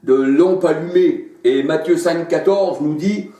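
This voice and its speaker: A man preaching a sermon, halting as he searches for Bible verses and dropping in frequent hallelujahs. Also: a little high, warm tone. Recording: echoey room, voice far from mic.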